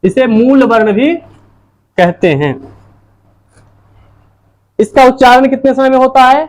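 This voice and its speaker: A woman's voice: high-pitched, slow pace. A woman teacher giving a lecture, asking her own questions and answering them, and repeating each key point. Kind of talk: classroom-style lecture.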